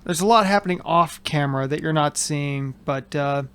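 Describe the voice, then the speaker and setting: A man's voice: fairly high pitch, moderate pace, a bit bright, clear, resonant tone. A man hosting a casual chat from his home studio, loose, joking and rambling as he talks. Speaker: host. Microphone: headphones with mic.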